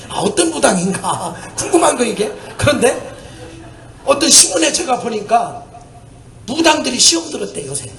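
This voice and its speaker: A man preaching in a church, his voice high and swinging widely up and down as he tells his stories. He laughs and breaks into shouts now and then. The sound rings around an echoey sanctuary. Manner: animated storytelling with laughter and shouts. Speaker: missionary preacher. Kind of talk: sermon.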